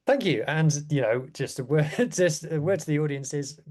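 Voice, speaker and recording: A man's voice: on the high side, animated, moderate pace, a little mellow. A man chatting casually as a rugby podcast guest, with wry, self-deprecating asides. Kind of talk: casual chat.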